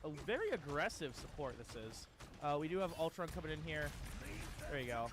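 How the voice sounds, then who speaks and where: A man's voice: fairly high pitch, very animated, fairly quick. Laid-back, slangy esports caster guy. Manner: laid-back and chatty, calls people "bro" and "dude", trails off with fillers. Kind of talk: casual play-by-play game commentary.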